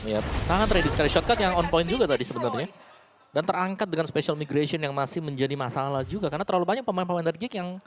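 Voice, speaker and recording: A man's voice: on the high side, animated, very fast. A man with an Indonesian accent giving casual, analytical esports commentary as a co-caster. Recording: clearly noisy background.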